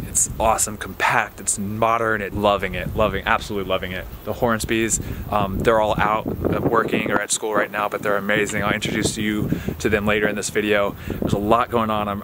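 An American man in his twenties, a soccer player, excitedly vlogging in a rambling casual way on a handheld camera. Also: lowish voice, noisy background. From USA. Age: 20s. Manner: excited, rambling, restarts sentences. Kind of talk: casual vlog narration. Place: indoors at home and outdoors in the city. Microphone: handheld action camera.

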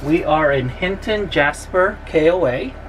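A woman's voice: low voice, expressive, measured pace, background noise. A woman travel vlogger ranting angrily and swearing about her RV campsite. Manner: furious, profane complaining. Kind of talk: angry vlog rant.

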